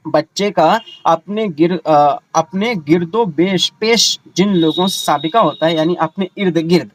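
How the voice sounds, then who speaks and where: A man with a fairly high voice teaches an online exam-prep lesson, explaining terms slowly and repeating them with their English equivalents. He also poses rhetorical questions to his students.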